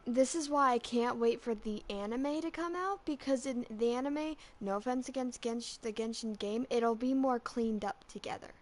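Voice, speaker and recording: A woman chatting casually as a fan vlogger, rambling and excitable with lots of restarts, her voice cracking slightly from being sick. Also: on the high side, normal speed, hardly any pauses. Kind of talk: casual chat.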